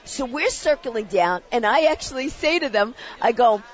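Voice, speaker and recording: A woman with a New York accent, a guest telling a comic story in a lively, theatrical way. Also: a little high, normal speed, dull audio, faint music behind. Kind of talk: animated anecdote telling.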